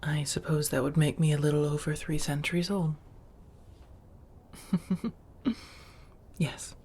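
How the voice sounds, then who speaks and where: A woman voicing a centuries-old, genteel and affectionate vampire housemate in a soft-spoken ASMR roleplay, with a husky, breathy voice and measured, old-fashioned phrasing. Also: deep voice, fairly even intonation, exaggerated voice. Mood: reflective, genteel.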